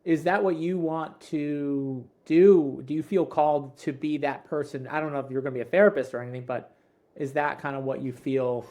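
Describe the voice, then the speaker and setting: A man hosts an interview podcast, with a voice that sits a little high for a man. He mostly listens, offering short affirming reactions, and then asks gentle, open questions. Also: fairly even intonation, normal speed. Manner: supportive, with short affirming responses. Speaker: podcast host.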